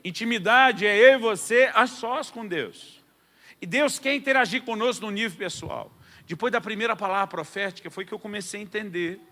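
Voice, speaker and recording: Bright-voiced preaching man in a hall. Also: high voice, normal speed. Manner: animated, humorous storytelling. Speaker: pastor. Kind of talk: sermon with storytelling. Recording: long hall reverb.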